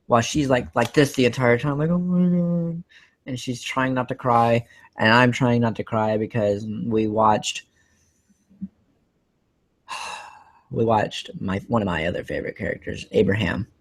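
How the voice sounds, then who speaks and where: A man hosting a casual podcast, rambling excitedly with lots of fillers and restarts. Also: mid-range voice. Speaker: podcast host.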